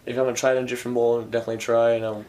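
A young adult man gives an informal, enthusiastic hookah review as casual chat in an indoor garage workshop. His medium-pitched, darkish voice is level and rapid-fire, captured by a camera a few feet away with faint room noise.

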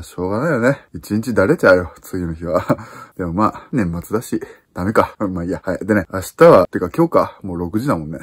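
Young male vlogger at home, deep voice, relaxed rambling, dry close sound. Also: husky, no room sound. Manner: relaxed, rambling, self-mocking. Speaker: vlogger, bodybuilder. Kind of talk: casual daily vlog talk.

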